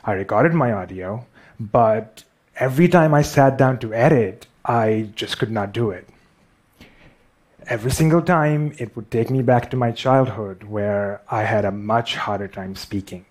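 A man's voice: fairly low pitch, unhurried, darkish tone. A man with a Pakistani accent giving a storytelling talk on stage, wry and self-deprecating.

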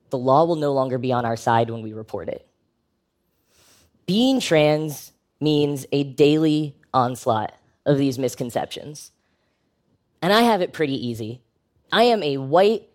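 With a slightly high, darkish voice, this American man delivers a prepared talk before a live audience. His style is wry, emphatic and conversational, a public speaker aiming to both amuse and educate.

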